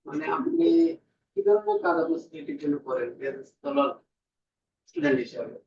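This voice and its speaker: A man teaching an English class, coaxing students slowly and repeating words for them. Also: on the high side, wildly swooping pitch, creaky, a little hiss or hum. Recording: echoey room, distant lo-fi mic.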